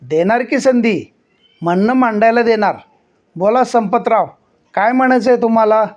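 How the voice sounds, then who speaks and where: A man's voice: very high voice, normal speed, pitched above the performer's own voice. A man voicing a stern village headman who presides over a hearing with rhetorical questions, in a story reading.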